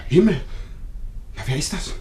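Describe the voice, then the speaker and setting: An actor playing a chatty, overpolite village neighbor who rambles in effusive, ingratiating politeness, in a classic radio drama. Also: male voice, moderate pace, mellow, close to an everyday voice. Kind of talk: 1950s-style radio drama acting.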